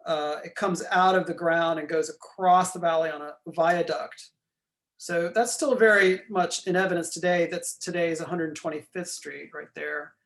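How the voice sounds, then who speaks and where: A man whose voice is going keeps clearing his throat and apologizing as he lectures on a recording, pointing out map features. His voice sits high with a fairly bright tone.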